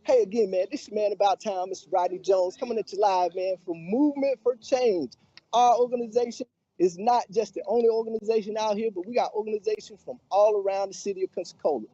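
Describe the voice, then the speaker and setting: A man's voice: high voice, dark tone, no echo. A man promoting a community event live, calling out to passers-by in a preacherly way. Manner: preacherly, calls out to the crowd. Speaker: community organizer. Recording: dry, dull lo-fi sound.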